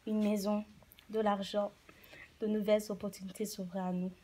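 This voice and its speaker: A woman playing a grieving Italian miner's widow in a news interview, speaking halting, emotional French with a foreign Italian accent. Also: medium pitch, little pitch movement, warm tone, slight background noise, close to an everyday voice. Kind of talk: testimony in a staged news interview.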